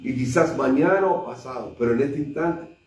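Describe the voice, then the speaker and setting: A man, a pastor with a Chilean Spanish accent, preaching a sermon and acting out scripture scenes, swinging between loud and hushed delivery. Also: mid-range voice, moderate pace. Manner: retells scripture with acted dialogue, shifts between loud and hushed. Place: church sanctuary. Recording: echoey church from far off, faint noise.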